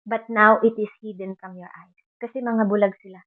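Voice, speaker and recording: A woman's voice: mid-range voice, steady tone, moderate pace. A woman with a Filipino accent preaching a sermon earnestly, quoting Bible verses in English. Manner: earnest, mixing Tagalog with English Bible quotes. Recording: dull lo-fi recording.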